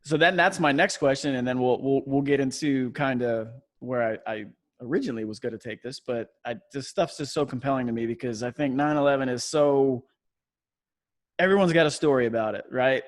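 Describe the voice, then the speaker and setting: A man's voice: mid-range voice, brisk. A man hosting a podcast, asking questions in loose, chatty talk. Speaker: podcast host. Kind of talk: casual interview chat.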